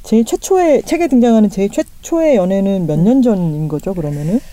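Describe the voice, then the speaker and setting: A woman hosting a podcast interview, asking questions gently and affirming her guest often. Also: mid-range voice, animated, brisk. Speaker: podcast host.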